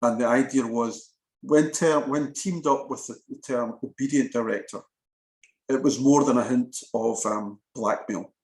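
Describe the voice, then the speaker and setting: A man's voice: medium pitch, a little slow, darkish tone, echoey room, poor audio. A man giving a talk on film history in a conversational, digressive way, sometimes reading lines aloud to test where the stress falls. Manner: conversational, digressive, quotes lines with shifting emphasis. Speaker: lecturer. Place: lecture room.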